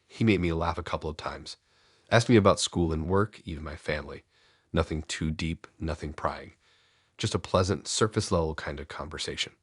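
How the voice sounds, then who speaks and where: A man reading a scripted first-person horror story in a low, measured storytelling delivery. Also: husky, dry recording, studio quality.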